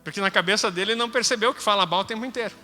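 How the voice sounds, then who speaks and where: Male preacher, Gaúcho accent, high ringing voice; chatty teaching sermon, light music under. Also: very fast, pushed and bright. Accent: Gaúcho Brazilian Portuguese. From Rio Grande do Sul, Brazil. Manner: conversational, joking asides. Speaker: apostle preaching. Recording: hall reverb with faint music.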